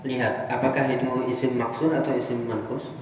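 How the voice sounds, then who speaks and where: A man's voice: mid-range voice, little pitch movement, a little fast, darkish tone, a little hiss or hum. A man teaching Arabic grammar from a classical text, putting questions to his students and answering them himself. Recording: echoey hall from far off.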